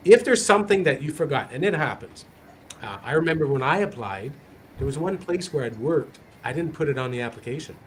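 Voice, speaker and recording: A man's voice: on the high side, animated, brisk, a little hiss or hum. A man hosting a recruiting Q&A as a police recruiter, talking in a direct, upbeat, conversational way. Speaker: police recruiter, session host. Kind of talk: live Q&A session talk.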